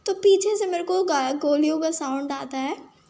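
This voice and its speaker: Hoarse high-voiced woman gamer. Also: moderate pace, mellow. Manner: playful, self-mocking chatter. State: hoarse, throat gone. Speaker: game streamer. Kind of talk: casual gameplay commentary.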